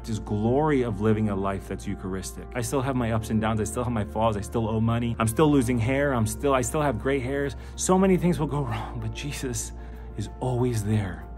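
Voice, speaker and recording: A man's voice: mid-range voice, a little fast, a little mellow, soft background music. A middle-aged man giving a fervent, emphatic personal testimony that turns into pleading exhortation. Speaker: speaker giving a faith testimony.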